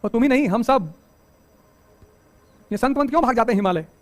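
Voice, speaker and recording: A middle-aged man teaching a coaching class, giving an animated motivational talk full of rhetorical questions and joking asides. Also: very high-pitched, a little fast.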